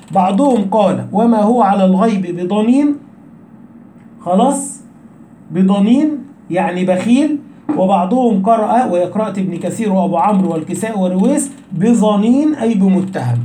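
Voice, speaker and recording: Warm and high-pitched, this man's voice carries an Egyptian Arabic accent as he explains Quran recitation rules, asking his listeners questions and then answering them. The recording comes from an echoey room and has a little hiss or hum.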